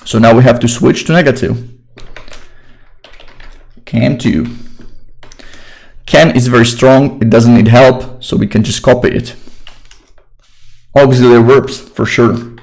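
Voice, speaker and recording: A young man with a Slovak accent explains English grammar in a loose, informal way and often repeats himself. His voice sits at a mid pitch, and a keyboard clacks now and then behind him. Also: a little slow, vocal fry, long pauses, rough recording. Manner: relaxed, informal and chatty, repeats phrases. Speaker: English teacher. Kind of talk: casual online grammar lesson.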